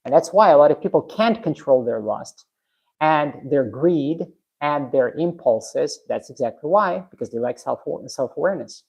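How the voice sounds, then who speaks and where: A Russian woman hosts her own live stream from her home garage, chatting casually and reading viewers' comments. Her low voice has lively intonation, vocal fry and slight roughness at normal speed, the recording is muffled, and she's frank and blunt, often restarting.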